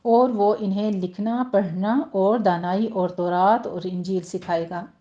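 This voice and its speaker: A woman teaching Quran recitation rules, explaining each point patiently and slowing right down to model the words herself. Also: mid-range voice, steady tone, warm tone. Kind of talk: tajweed lesson with slow recitation. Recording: slightly dull lo-fi sound.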